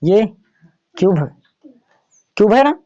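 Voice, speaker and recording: High-voiced man teaching maths in class. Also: big pitch swings, slow, warm tone, dull audio. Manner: casual, keeps checking that students follow.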